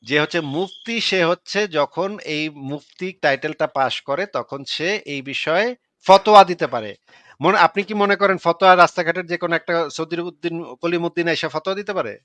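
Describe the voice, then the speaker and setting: A scornful man hosts a heated live debate, cutting his opponent down with insults. His voice is bright and forceful, and it sits high. The sound is dry and close. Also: a little fast, no room sound. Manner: combative, scornful, hurls insults. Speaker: debate host.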